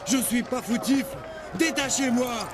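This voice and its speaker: An actor dubbing a condemned man who shouts desperate pleas for his life, in a historical drama. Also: extremely high pitch, a little slow, background noise. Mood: desperate pleading. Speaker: accused prisoner. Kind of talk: French dub of a historical series. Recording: loud music and crowd behind.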